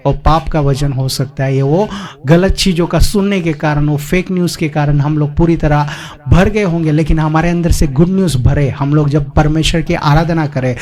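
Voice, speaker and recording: A man's voice: a little high, darkish tone. A male pastor delivering a sermon, often asking rhetorical questions and repeating phrases for emphasis. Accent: Indian.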